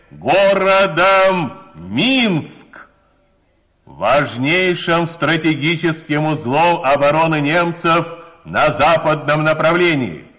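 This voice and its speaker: A man announcing wartime state news on the radio in a booming, solemn, declamatory and measured delivery. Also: fairly bright tone. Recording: echoing long-reverb hall sound.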